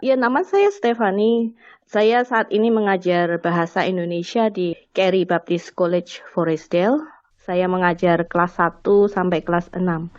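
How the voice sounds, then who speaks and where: Slightly muffled, lower-voiced woman in interview. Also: darkish tone, dry recording. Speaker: primary school language teacher, interview guest. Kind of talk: conversational interview answers. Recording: slightly dull, lo-fi sound.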